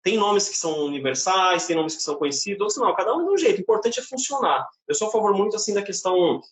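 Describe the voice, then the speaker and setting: A man with a Brazilian Portuguese accent giving a casual live-stream singing lesson from home, explaining in a relaxed way with frequent tag questions. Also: high-pitched, quick pace, reverberant. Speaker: singing teacher. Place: home, indoors.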